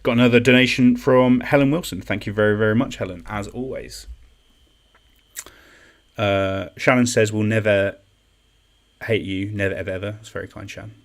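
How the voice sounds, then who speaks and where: A man's voice: on the low side, fairly even intonation, normal speed. A young man hosting an online quiz in a chatty, self-deprecating way, reading out comments and repeating each question. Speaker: quiz host. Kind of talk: casual live-stream quiz hosting.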